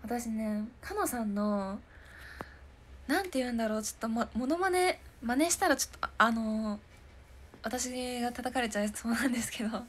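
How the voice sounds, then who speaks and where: Woman, 20s, idol stream host; casual, giggly chat, slightly high voice, faint background hum. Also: normal speed. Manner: giggly and chatty, often laughing. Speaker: idol hosting a live stream talk show. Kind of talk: casual chat answering viewer comments.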